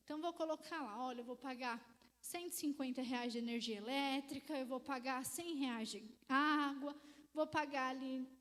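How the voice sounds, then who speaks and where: A Brazilian woman with a high, bright-sitting voice talks to a church audience about money, full of lively anecdotes where she plays out her clients' lines. Her voice rings out into a large hall with a long, lingering reverb. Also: normal speed. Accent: Brazilian Portuguese. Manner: lively storytelling, acts out conversations with clients. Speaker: finance seminar speaker at a church. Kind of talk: church seminar talk. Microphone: microphone.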